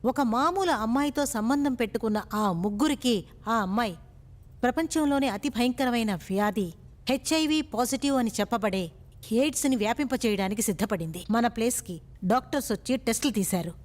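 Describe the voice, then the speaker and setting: A woman's voice: fairly high pitch, a little fast, in a large hall, close to an everyday voice. A woman playing a stern, scolding talk show host. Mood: solemn. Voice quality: scolding, indignant.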